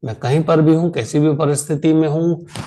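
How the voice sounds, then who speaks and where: An Indian man leading an online insurance sales training, tired after a long meeting, speaking slowly and repeating key phrases for emphasis. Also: fairly high pitch, fairly even intonation, warm tone, slight background noise, low-quality recording.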